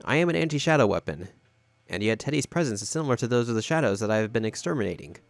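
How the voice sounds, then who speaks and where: A man hosting a game playthrough, reading the story text aloud in a plain, steady way. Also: medium pitch, rapid-fire, creaky. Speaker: let's-play host.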